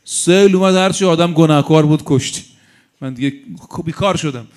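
A wheedling, scheming Satan who coaxes and pleads with mock sincerity, as a preacher puts him on in a sermon. The voice sits a little higher than usual and keeps pressing its case. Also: male voice, darkish tone, close to an everyday voice. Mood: coaxing. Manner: wheedling, cajoling.

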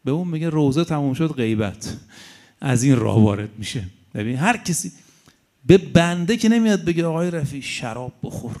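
Animated middle-aged male preacher. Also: on the high side. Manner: animated, storytelling with humor and asides. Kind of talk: sermon.

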